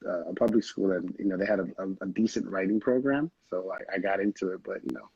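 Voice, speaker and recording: A young adult film director from Haiti chats casually and rambles in an interview over a video call, laughing often. His deep, husky voice is fast with vocal fry, and the dry recording has dull lo-fi video call audio.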